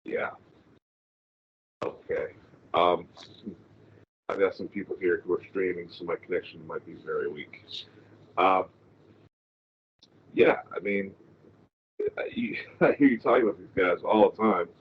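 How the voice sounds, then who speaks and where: A man joins the chat over a bad connection that keeps breaking up, and his lowish voice comes through thin and phone-like. Faint noise sits under the line. He rambles loosely and leans on fillers. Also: unhurried, pauses often. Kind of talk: casual online chat. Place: home, with others streaming nearby. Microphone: remote call mic.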